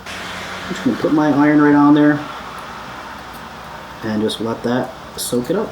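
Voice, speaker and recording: A fairly high-pitched, unhurried male voice guides viewers through a hands-on DIY electronics project, keeping things casual, easygoing and a touch self-deprecating. Background noise and room echo are audible.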